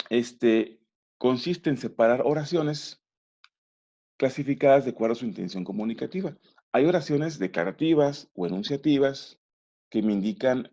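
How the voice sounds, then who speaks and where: A man teaching a remote grammar lesson, patient and methodical, pausing to ask if it's clear. His voice is dark and gravelly, heard through a dull, lo-fi recording. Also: mid-range voice. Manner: patient, explanatory, often checks understanding.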